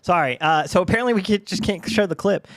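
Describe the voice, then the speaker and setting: This is a man co-hosting a casual podcast, retelling a scene with animated energy and bursts of laughter. His voice sits a little high for a man. The sound is close and dry. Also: quick pace, no room sound. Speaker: podcast co-host. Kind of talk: casual chat.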